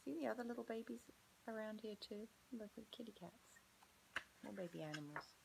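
A woman preschool teacher gently reading a picture book aloud to children and asking them questions about the pages. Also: mid-range voice, lively intonation, brisk, vocal fry, noisy background.

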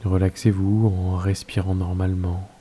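Calm deep-voiced man guiding meditation. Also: breathy edge. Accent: French. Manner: slow, calm, soft-spoken instructions. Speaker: meditation guide. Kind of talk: guided yoga nidra meditation.

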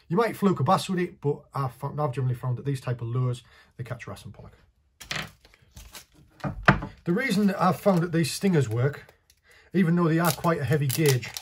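A man's voice: a little high, a little mellow, slightly rough. A man, casually talking through a hands-on fishing tutorial while he works, in a small indoor workshop. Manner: chatty, practical, talks while working with his hands.

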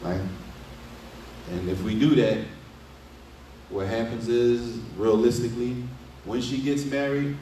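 A middle-aged imam gives a casual Islamic lesson in a small indoor study room, talking conversationally, posing rhetorical questions and frequently tacking on "right?" His medium-pitched, dark voice stays fairly even and unhurried, with long pauses. The desk mic on a stand sits at a distance, so the room sounds echoey, with a little hiss or hum.

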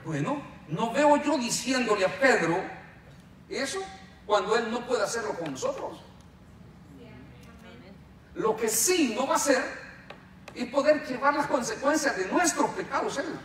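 Male pastor, preaching a sermon, high voice, captured from afar in a very echoey hall. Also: a bit bright. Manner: preaching with rhetorical questions and acted quotes. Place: church hall. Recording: very echoey hall, distant mic, faint hiss.

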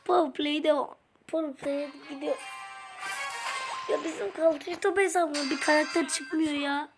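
Brief: groggy woman gamer, high voice, chatty play-by-play with game music behind. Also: fairly even intonation, moderate pace. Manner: chatty, reacts aloud to the game. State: groggy, just woke up. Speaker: gaming channel host. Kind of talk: casual gameplay commentary.

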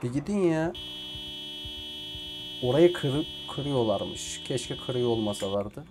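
A gameplay streamer plays a survival game in casual let's play style, talking to himself and to the characters on screen. He gets frustrated and swears at the game often. His medium-pitched voice is animated and unhurried, and the background is noisy.

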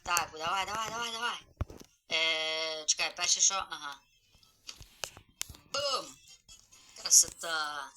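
A man live-streaming a game, chatty and excited, greeting viewers as he plays. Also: a little high, normal speed, soft background music, low-quality recording.

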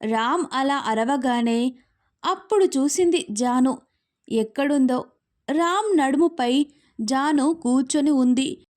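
A woman storyteller narrating a romantic audio story. Her voice is high and she reads expressively, keeping the scenes lively. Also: slow pace, long pauses.

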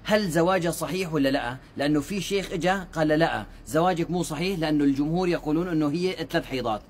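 A male preacher talks in a high voice, in short religious advice segments. He speaks fast and earnestly, explaining points and reciting quoted sayings at length. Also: slight background noise. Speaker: Islamic preacher.

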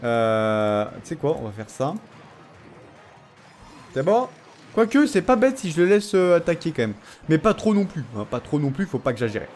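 A man's voice: on the high side, sing-song, normal speed, darkish tone. A young man commenting casually on his own gameplay, joking and teasing the viewer and his opponent. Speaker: gaming YouTuber. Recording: faint background noise.

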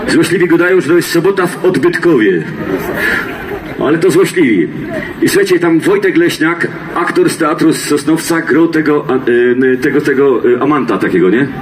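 A man's voice: fairly high pitch, animated, moderate pace, slight background noise, poor audio. A middle-aged man with a Silesian accent bantering with an audience in dialect, jokey and folksy, repeating himself as he goes, through a handheld microphone on an outdoor stage. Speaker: comedian and singer, stage entertainer. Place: outdoor stage in a town square. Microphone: handheld microphone through loudspeakers. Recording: live PA with music, filmed from audience.

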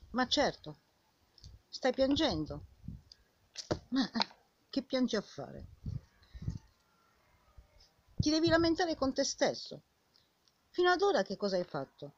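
An old woman speaks in a rough, husky voice with very animated pitch. She scolds the listener in an informal, indignant monologue, piling up questions and repeating herself. The sound is slightly dull and lo-fi. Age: older. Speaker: vlogger. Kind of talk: impassioned informal monologue addressed to the viewer.

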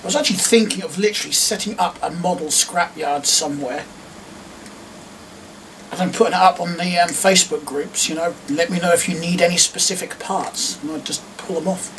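A man's voice: high voice, fairly quick, a bit bright, a little hiss or hum. A middle-aged English man rambling casually as he sorts a box of toy cars at his desk, with self-mocking asides. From England. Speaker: diecast collector vlogger. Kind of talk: casual narration while sorting toys. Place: at a desk indoors. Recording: distant mic with clicks and clatter.

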